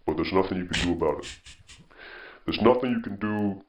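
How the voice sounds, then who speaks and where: A man's voice: sits low, brisk, darkish tone, echoey room, dull audio. A man co-hosting a casual podcast chat, boastful and teasing, swearing freely. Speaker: podcast co-host.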